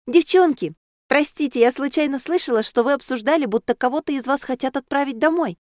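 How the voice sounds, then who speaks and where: A woman's voice: brisk, a little mellow, no room sound, studio quality, close to an everyday voice. A woman voicing a cheerful, bubbly teenage girl dressed as a mouse, talking in a chirpy, eager way. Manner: chirpy, eager, high-pitched.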